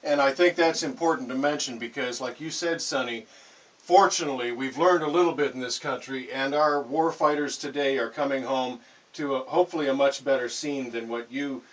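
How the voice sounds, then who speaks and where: A man with a medium-pitched voice hosts a radio interview. He speaks in earnest, deliberate phrases as he addresses his guests. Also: a bit bright, poor audio.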